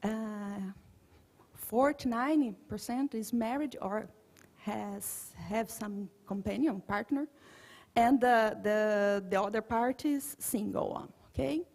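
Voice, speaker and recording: A woman's voice: mid-range voice, slow, creaky, a little mellow. A Brazilian woman around forty, a native Portuguese speaker, presents informally in accented English, hesitantly translating in her head and checking in with a questioning tag. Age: 30s to 40s. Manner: often ends statements with a checking "okay?". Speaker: conference presenter.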